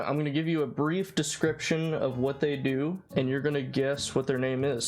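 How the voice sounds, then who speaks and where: A young man hosting a casual guessing game, rambling, repeating words and laughing often as he explains. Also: fairly high pitch. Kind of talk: casual chat. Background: background music.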